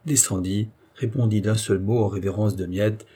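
A man calmly narrating a children's tale as an audiobook. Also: lowish voice, normal speed, husky.

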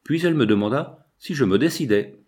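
A man's voice: medium pitch, expressive, fairly quick, darkish tone, slightly rough. A man reading a first-person novel aloud as an audiobook narrator, telling the story expressively.

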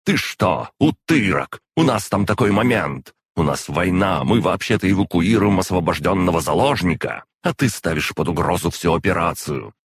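A man reading an audiobook and voicing a furious, imperious female demoness who shouts and scolds. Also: rumbling low, normal speed, hardly any pauses, breathy edge, no echo, studio quality. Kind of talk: audiobook narration.

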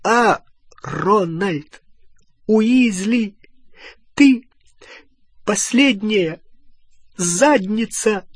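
A man's voice: huge pitch swings, slow pace, a bit bright, breathy edge, no room sound, clean studio sound, exaggerated voice. A man reading an audiobook, voicing a furious, bossy teenage girl who shrieks and turns sarcastic. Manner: shrill, screeching, sarcastic. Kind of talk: audiobook character voice.

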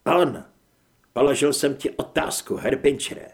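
A man voicing a gaunt, unhinged male shapeshifter who shouts and snarls threats. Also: medium pitch, natural voice. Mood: raging.

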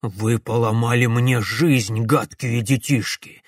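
A man voicing a gleeful, vengeful older male villain who gloats slowly over his captives in an audiobook. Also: mid-range voice, fairly even intonation, no room sound, studio quality.

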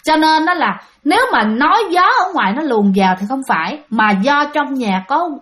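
A woman's voice: high voice, sing-song, normal speed, fairly bright tone. A woman telling a ghost story in a chatty way, often addressing her listeners directly.

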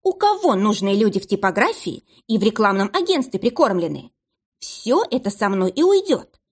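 A woman reading aloud and voicing a sharp-tongued, defiant young female office worker with a scornful, cutting manner. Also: mid-range voice, very animated, moderate pace, slightly rough. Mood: scornful tirade.

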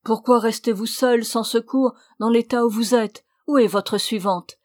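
A woman's voice: a little high, fairly even intonation, a little slow, darkish tone, natural voice. A woman voicing a devoted lord of a castle who speaks anxiously and earnestly to his wife. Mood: worried.

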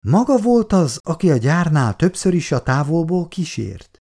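A woman's voice: deep voice, sing-song, dark tone, slightly rough, pitched above the performer's own voice, exaggerated voice. A man voicing a hesitant young wife. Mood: urgent. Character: hesitant young married woman.

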